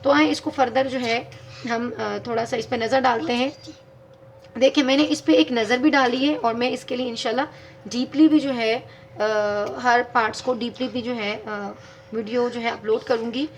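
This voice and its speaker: A woman's voice: fairly high pitch, steady tone, moderate pace, slight background noise. A woman teaching English grammar in a video lesson, patiently explaining step by step and spelling words out letter by letter.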